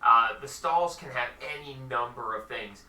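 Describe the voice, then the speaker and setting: A man narrating a tabletop game as game master, halting with many fillers. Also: medium pitch, sharp tone, roomy sound, distant mic.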